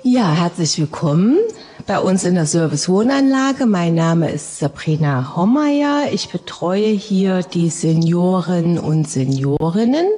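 A woman's voice: fairly low pitch, lively intonation, measured pace, mellow. A woman who works as a care worker, giving a welcoming, rehearsed-sounding introduction to her workplace. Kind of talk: welcoming presentation.

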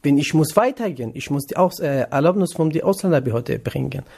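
A young man from northern Iraq, talking in a radio interview. His voice sits a touch higher than most men's. His German is halting, with many pauses and fillers. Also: expressive, vocal fry, a little mellow, husky. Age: 20s. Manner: hesitant non-native German with many fillers. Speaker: interviewee, trainee cook.

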